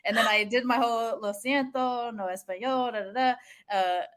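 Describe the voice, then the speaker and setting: A woman's voice: fairly high pitch, normal speed. A woman from the United States hosting a podcast, telling stories in casual chat and laughing often. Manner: animated storytelling, laughs often. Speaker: podcast host.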